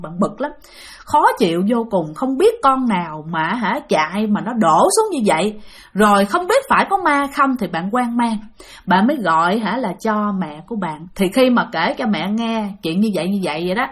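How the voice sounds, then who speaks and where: A woman's voice: medium pitch, fairly bright tone, breathy edge. Southern Vietnamese woman telling ghost stories. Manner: chatty, addresses listeners directly. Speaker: storyteller. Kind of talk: ghost story narration.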